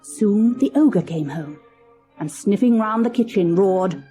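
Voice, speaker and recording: Expressive woman reading a storybook. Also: mid-range voice, unhurried, soft background music. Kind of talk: scripted storybook narration.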